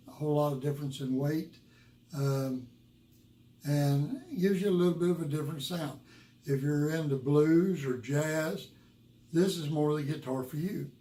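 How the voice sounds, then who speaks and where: A man with a worn rock-and-roll voice gives casual guitar instruction to viewers in a folksy, halting, repetitive way. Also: on the high side, darkish tone, a little hiss or hum. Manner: folksy, halting, repeats himself. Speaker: guitar teacher and video host. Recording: roomy, echoing room sound.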